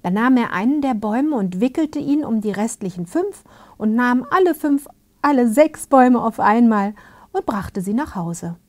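Slow whispering woman telling a fairy tale. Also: medium pitch. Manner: hushed and soothing, invites listeners to get comfortable. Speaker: storyteller.

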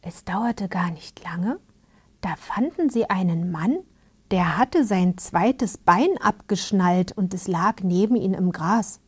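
A woman tells a fairy tale in a hushed whisper, soothing and unhurried. Her pace is very slow and her pitch sits in the middle. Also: animated, breathy edge. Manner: hushed and soothing, invites listeners to get comfortable. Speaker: storyteller.

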